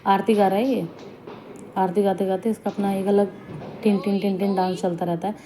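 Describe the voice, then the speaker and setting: A woman's voice: mid-range voice, steady tone, a little fast, mellow, a little hiss or hum. A young woman casually narrating a family vlog, chatty and homely in her storytelling. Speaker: family vlogger.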